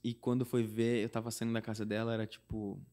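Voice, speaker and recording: A man's voice: lowish voice, fast. A young Brazilian man, a singer-songwriter guest, telling a personal story in casual chat, acting out the dialogue with many fillers. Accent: Brazilian Portuguese. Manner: animated, acts out quoted dialogue; frequent fillers like "tipo" and "não sei o quê".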